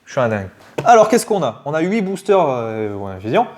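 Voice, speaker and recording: A man with a French accent chatting casually while opening trading card packs, excitable and given to swearing and sudden shouts. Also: fairly high pitch, fairly quick, noisy background. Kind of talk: casual unboxing chat.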